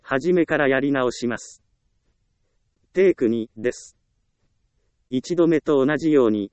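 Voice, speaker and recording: A man reads a self-help book aloud in a steady, measured way, pausing evenly between phrases. His voice sits in an ordinary middle pitch. The recording is close and dry, with no room echo. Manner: calm, measured reading with even pauses. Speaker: audiobook narrator.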